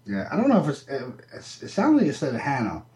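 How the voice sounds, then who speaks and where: A man's voice: mid-range voice, huge pitch swings, brisk, darkish tone. A man hosting a podcast in casual chat, telling stories animatedly and acting out what he said. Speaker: podcast host. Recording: roomy echo.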